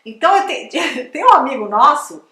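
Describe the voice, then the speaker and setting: A woman's voice: high voice, very animated, normal speed, bright, forceful tone, echoey room. A woman from Brazil teaching English pronunciation in a chatty video lesson, exaggerating the sounds to demonstrate them.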